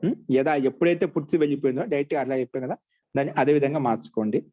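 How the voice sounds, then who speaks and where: A man teaching Sanskrit grammar in an online class, repeating each phrase slowly so students can write it down. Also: mid-range voice, mellow, muffled recording.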